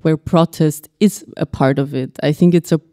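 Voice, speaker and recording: Young woman, from Austria, panelist, low pitch, dry close sound, earnest. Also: fairly even intonation, moderate pace, mellow, no echo. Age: young adult. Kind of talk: panel discussion.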